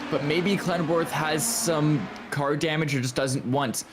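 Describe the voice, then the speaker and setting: A man's voice: fairly high pitch, steady tone, unhurried, background noise. A man giving live motorsport commentary, analysing the race in an emphatic, opinionated way.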